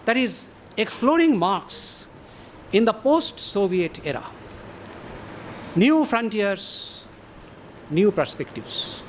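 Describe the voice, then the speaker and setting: Lecturing academically to an audience, a man with an Indian English accent poses rhetorical questions and pauses deliberately. His high voice is very animated, and there's a bit of hiss or hum in the audio.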